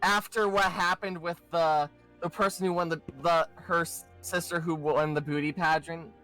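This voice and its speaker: A man running a tabletop game as game master, narrating in a halting way with many restarts. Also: on the high side, flat delivery, pushed and bright, soft background music, low-quality recording.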